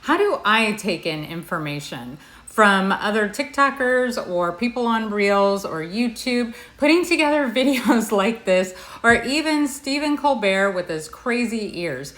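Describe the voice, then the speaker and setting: A woman's voice: mid-range voice, animated, unhurried, hardly any pauses, a bit bright. An American woman giving casual satirical news commentary like a news anchor parody, wry, opinionated and conversational. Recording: echoey, roomy sound.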